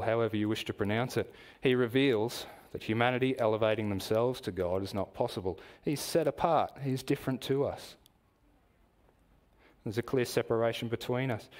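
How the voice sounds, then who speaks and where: Speaking at a medium pitch, a preacher with an Australian accent explains his points in a measured way during a church sermon. He also asks the congregation questions.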